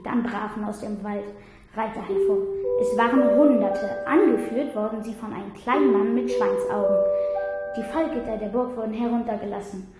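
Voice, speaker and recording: A woman's voice: fairly high pitch, dark tone. Woman reading a story in an echoey room. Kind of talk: first-person story reading.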